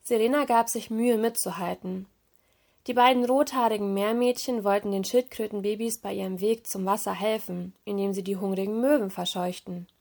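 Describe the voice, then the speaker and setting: Woman, mid pitch, a bit of fry, a calm library storytime reader. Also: normal speed. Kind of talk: children's story reading.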